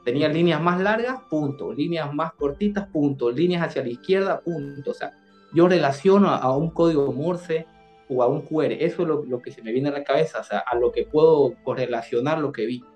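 A Bolivian-accented man with a somewhat high voice, recounting his own experience as an interview guest. He speaks earnestly and often repeats words and phrases. Faint music plays softly behind him. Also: brisk. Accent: Bolivian Spanish. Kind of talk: first-person storytelling in an interview.

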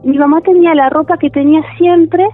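A woman with a high voice and a Rioplatense Spanish accent calls in to share a personal story. She speaks haltingly, restarting phrases as her voice wavers with emotion. Her voice is tinny and narrow, as if coming through a phone line. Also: fairly even intonation, dry recording, soft background music. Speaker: caller sharing a personal story.

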